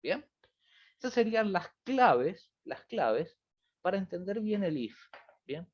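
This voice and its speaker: A man teaching a programming class over a video call, his pitch rising and falling a lot as he talks. The audio is muffled and lo-fi. He explains patiently and keeps checking that students follow. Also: very animated, slow pace, a little mellow. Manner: explanatory, repeats "fíjense" and "¿bien?". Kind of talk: online review class.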